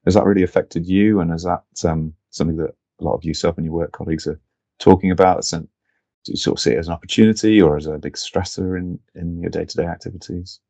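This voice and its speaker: A man's voice: sits low, fairly even intonation, fast, vocal fry, mellow, dry recording. A man hosting a podcast, asking friendly interview questions in loose phrasing with fillers. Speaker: podcast host.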